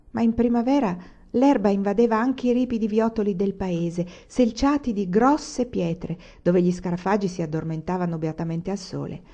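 Woman reading a novel in a dark, mellow voice. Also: mid-range voice, highs cut off. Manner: measured, expressive literary reading. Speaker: audiobook reader. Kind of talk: scripted narration of a novel.

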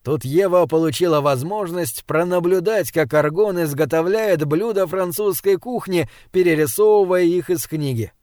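A man narrates an audiobook in an even, storytelling manner. His voice sits high for a man, recorded dry and close with no room sound. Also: moderate pace, few pauses, dry recording. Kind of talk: audiobook reading.

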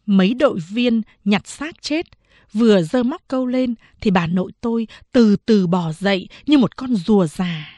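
A woman reading a novel aloud as an audiobook narrator, measured and steady. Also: medium pitch, no echo.

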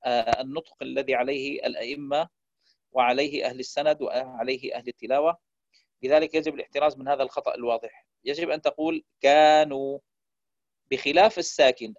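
A man giving a lecture on Quran recitation. He slows down to demonstrate letter sounds, with hesitant fillers between points. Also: a little high, darkish tone, no echo. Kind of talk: lecture on pronunciation. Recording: dull lo-fi dry sound.

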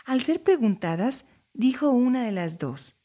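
A woman's voice: a little high, unhurried. Woman reading Bible stories aloud. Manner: clear, even storybook reading. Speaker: storyteller. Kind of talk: scripted narration of Bible stories for families.

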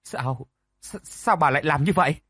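Male narrator plays a commanding rich matron who barks at servants; husky, dry. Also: mid-range voice, a little fast, dry recording, lightly acted. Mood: stunned. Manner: scolding, commanding. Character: stern wealthy older woman, household mistress.

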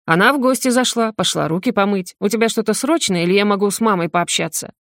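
A woman's voice: mid-range voice, quick pace, no echo, clean studio sound, natural voice. Woman doing a tense young guy, short bossy lines. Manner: clipped, commanding. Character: tense, blunt young man, the hero.

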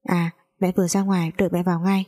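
Woman reading a bullying older mother, foul-mouthed, mellow husky low voice. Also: level tone, fast, close to an everyday voice. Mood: scolding. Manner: coarse, cursing, scolding.

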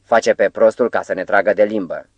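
A man's voice: fairly low pitch, steady tone, no room sound, natural voice. A man voicing a young, hot-headed and suspicious male poet in an audiobook, speaking bluntly and combatively.

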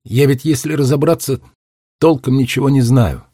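A man's voice: mid-range voice, steady tone, moderate pace, husky, no room sound, studio quality, voice pushed up. A man reading a story aloud and voicing a young girl prisoner who is bitter and fierce. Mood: despairing. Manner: fierce, bitter, shouting at times.

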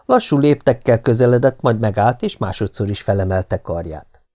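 This audiobook reader, a man with a voice on the low side, tells a first-person adventure tale in a steady, measured way.

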